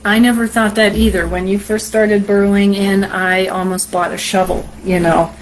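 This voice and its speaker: A woman host and storyteller with a deep, sultry voice, chatting casually on a live stream in a rambling way. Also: flat delivery, normal speed, slight background noise, low-quality recording. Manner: chatty and rambling, many fillers.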